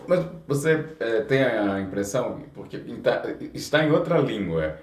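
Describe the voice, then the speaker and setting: A man's voice: mid-range voice, lively intonation, moderate pace. A man hosting a podcast, asking short questions and adding brief agreements in casual chat. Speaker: podcast host. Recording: echoey room.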